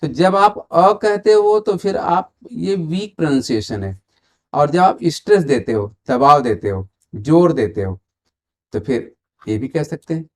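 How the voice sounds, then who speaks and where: This online English grammar teacher, who has an Indian accent, speaks a little slowly in a slightly high, very animated voice. Mixing Hindi and English for exam preparation, he poses quiz questions and waits for viewers to respond.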